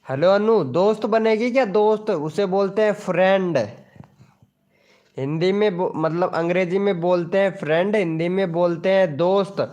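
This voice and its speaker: A man's voice: high voice, moderate pace, a little mellow, lo-fi sound. A young man hosting a casual live stream, joking and teasing viewers by name.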